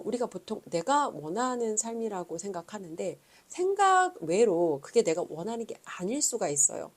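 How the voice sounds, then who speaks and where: A woman in her thirties, a reading coach, telling her own story in an earnest, thoughtful way with frequent pauses. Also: medium pitch, a little mellow. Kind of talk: reflective personal talk.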